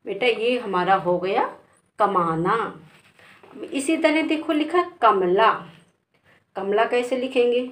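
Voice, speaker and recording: A woman from India teaches a beginner spelling lesson at a very slow, deliberate pace. She spells each word out letter by letter and speaks to her learners as "beta". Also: fairly high pitch.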